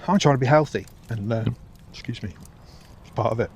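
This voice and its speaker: A man's voice: mid-range voice, brisk, darkish tone, slight background noise. A man talking in a casual vlog monologue while out walking a dog, rambling with restarts and frequent swearing. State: hot and a little weary while walking. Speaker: vlogger.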